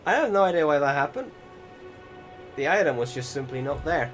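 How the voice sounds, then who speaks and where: Over loud background music, a man with a fairly high voice and lively intonation speaks fairly quickly. He's a game video commentator giving casual, informal voice-over on gameplay, rambling and hesitant and swearing now and then.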